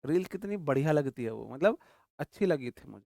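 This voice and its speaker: A man teaching vocabulary with a fairly high voice, recorded close and dry with no room sound. He talks animatedly, repeating key words and firing off quick questions. He jokes through memory tricks and keeps calling the class brother. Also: lively intonation, creaky, warm tone, dry recording. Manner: jokey memory tricks, calls listeners brother. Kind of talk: classroom lecture.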